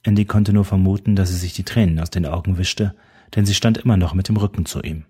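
A man narrating an audiobook in a steady, even storytelling manner. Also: sits low, fast talker, slightly rough.

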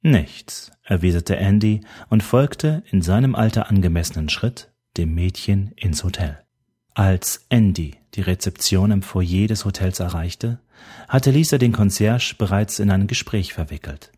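A man narrating an audiobook in a steady, even storytelling manner. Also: low-pitched, measured pace, breathy edge.

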